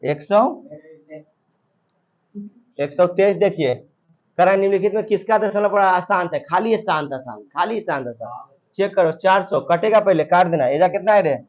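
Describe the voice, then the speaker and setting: A man's voice: high-pitched, normal speed, pauses often. A man teaching a math class, repeating steps and quizzing his students. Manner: repetitive, quizzing students, drilling answers. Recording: dull lo-fi recording.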